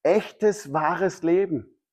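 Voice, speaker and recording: Male pastor, mid-high voice, emphatic sermon delivery with repetition. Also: drawn-out words, darkish tone. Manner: emphatic, repeats key phrases.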